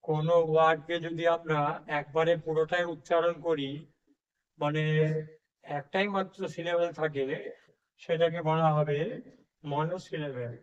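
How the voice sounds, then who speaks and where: A man tutoring English, explaining a lesson in a slow classroom manner and drawing out each example word. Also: on the high side, steady tone, clear, resonant tone, muffled recording. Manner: slow, deliberate, drawn-out example words.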